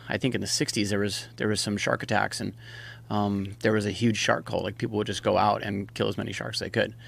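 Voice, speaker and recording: A man's voice: lowish voice, gravelly, a bit bright. A man from Hawaii, talking as a podcast guest in casual chat, rambling with many restarts and fillers, close on a studio mic.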